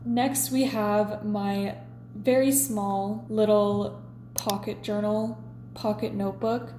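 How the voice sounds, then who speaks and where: A woman in her twenties, chatting casually as a vlogger and reading her own diary entries aloud in a relaxed, confessional way. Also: medium pitch, slow, echoey room, faint music behind. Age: 20s. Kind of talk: casual chat.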